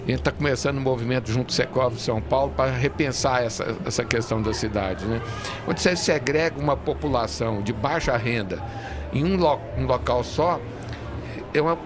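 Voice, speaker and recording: Over the bustling ambient noise of a crowded fair, a man from the real estate industry, a leader in the field, gives halting answers as an interview guest in his mid-range voice. The noisy venue also carries urban ambience.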